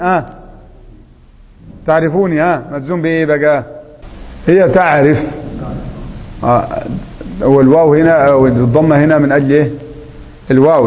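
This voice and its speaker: Egyptian teacher quizzing a class. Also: male voice, on the high side. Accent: Egyptian Arabic. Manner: quizzing students, slow drawn-out recitation of examples. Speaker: Arabic grammar teacher. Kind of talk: classroom grammar lesson. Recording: echoey hall, dull lo-fi sound.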